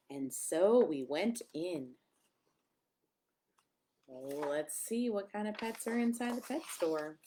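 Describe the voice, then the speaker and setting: Reading to children from a picture book, a woman with a voice on the low side sounds expressive and sing-song. She pauses for emphasis and adds little side comments for the kids.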